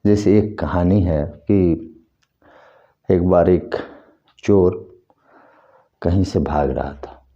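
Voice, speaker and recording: A male teacher works through a Hindi lesson, writing at a board and explaining each point patiently. His voice is low and very dark, and he speaks slowly. The recording sounds dull and lo-fi. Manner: slow, explanatory, tells a story as an example.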